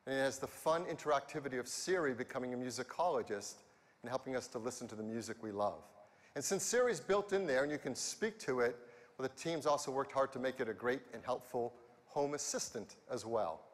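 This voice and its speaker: A man's voice: mid-range voice, lively intonation, a little fast. A man in his fifties giving an enthusiastic keynote product presentation on a large arena stage, speaking into a headset mic. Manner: enthusiastic, walks the stage gesturing. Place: large arena stage before a big audience. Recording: reverberant arena.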